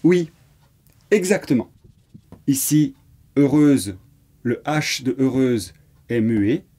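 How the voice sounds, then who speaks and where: Patiently walking through French grammar, this man from France repeats his examples and spells each word letter by letter in a slow explanatory lesson. He speaks slowly and animatedly, with a medium-pitched, dark, breathy voice.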